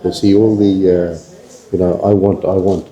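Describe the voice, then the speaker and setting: Against a background crowd and dull audio, an older man from Zimbabwe, a shopkeeper, speaks low and flat at a moderate pace. It's a casual interview in which he philosophizes, throws out rhetorical questions, and stammers through repetitions while thinking.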